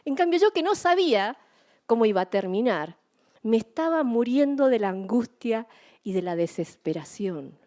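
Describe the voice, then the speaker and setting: Animated woman preaching a sermon. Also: on the high side, normal speed. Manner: animated storytelling, acting out her own excited shouts.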